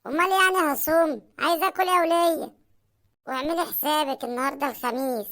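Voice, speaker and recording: A woman's voice: high-pitched, fast, fairly bright tone. A woman voicing a hard-up, hungry husband in a cartoon, with an Egyptian accent and a whining, complaining manner. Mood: grumbling. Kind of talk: cartoon comedy voice acting.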